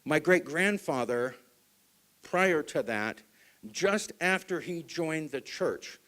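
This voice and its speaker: A man from Utah giving a public talk to an audience, asking them questions and swinging between loud stresses and hushed asides. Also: fairly high pitch, lively intonation, takes it slowly. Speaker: speaker at a group meeting.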